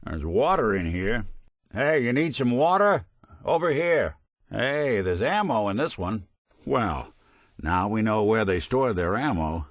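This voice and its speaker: Voicing companion lines for a video game, a weary robot detective speaks in a lowish, sing-song voice at a measured pace, his pitch rising and falling expressively. He sounds casual yet alert, and his wry, loyal, folksy talk leans on vintage private-eye slang. The recording is close and dry, with no room sound.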